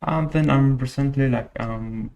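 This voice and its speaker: A man's voice: medium pitch, unhurried, vocal fry, darkish tone. A young man from Syria, a guest in an interview, speaking hesitantly with many fillers and restarts. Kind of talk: casual interview.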